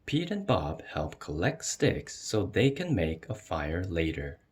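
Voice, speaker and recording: A man with a very low, husky voice narrates a children's storybook. He takes his time over each phrase, with plenty of expressive rise and fall. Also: slow. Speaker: storyteller reading a children's picture book aloud. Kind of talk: expressive read-aloud narration.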